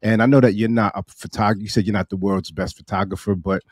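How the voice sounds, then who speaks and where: A man hosting a podcast interview, measured and sprinkling his talk with "um"s. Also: lowish voice, steady tone, no room sound, studio quality. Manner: measured, many "um"s and backchannels. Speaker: podcast host.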